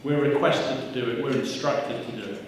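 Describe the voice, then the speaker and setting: This CEO delivers a breakfast welcome speech in a church hall before an audience, his mid-range voice steady and fairly quick, with a little hiss or hum behind it. Holding a handheld microphone, he stays upbeat, jokes at his own expense and fills gaps with frequent "uh"s. The recording is echoey, captured from a distance.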